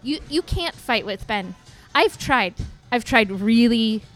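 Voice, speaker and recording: A woman's voice: fairly high pitch, lively intonation, slow pace, a bit bright, faint music behind, poor audio. A woman chatting casually and upbeat, asking questions and laughing along. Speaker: interviewer. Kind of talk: casual chat.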